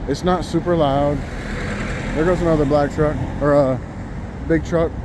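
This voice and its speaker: Male American vlogger, slightly higher-pitched, informal musing while walking a city street, clear traffic noise behind. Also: fairly even intonation, moderate pace. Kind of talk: casual walk-and-talk monologue. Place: outdoors on a city sidewalk, walking. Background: passing cars and trucks.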